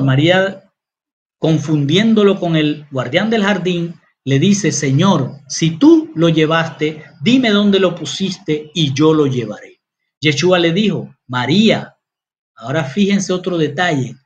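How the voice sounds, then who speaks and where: Man teaching scripture, repeating key phrases. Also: fairly high pitch. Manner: addresses listeners directly. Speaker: Bible teacher. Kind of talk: Bible study sermon. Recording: dull, lo-fi recording.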